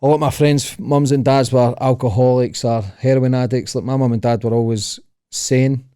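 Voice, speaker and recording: A man's voice: mid-range voice, fairly even intonation, normal speed, mellow, clean tone, dry recording, studio quality. A man from Scotland with a Glaswegian accent, a podcast guest telling his life story in short clipped phrases with a cheeky manner. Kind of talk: casual interview chat.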